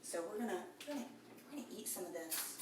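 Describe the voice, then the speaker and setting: A woman's voice: medium pitch, lively intonation, quick pace, reverberant, far from the mic, background noise. A woman chef hosting a casual live cooking demo, chatty and upbeat with many fillers. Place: kitchen.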